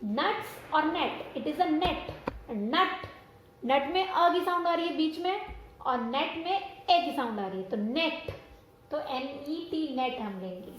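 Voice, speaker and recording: A woman's voice: high voice, animated, slow, very echoey, slight background noise, low-quality recording. A woman teaching a phonics lesson for parents, sounding out words letter by letter and mixing Hindi with English. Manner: spells words letter by letter and sounds each one.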